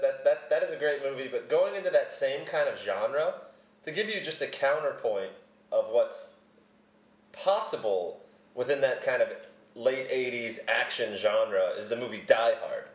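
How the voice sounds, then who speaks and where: A man's voice: medium pitch, expressive, a little slow. A man hosting a casual podcast, rambling and laughing as he talks about movies. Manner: rambling, self-deprecating, laughs often. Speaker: podcast host. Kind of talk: casual chat. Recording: roomy echo, a bit far from the mic.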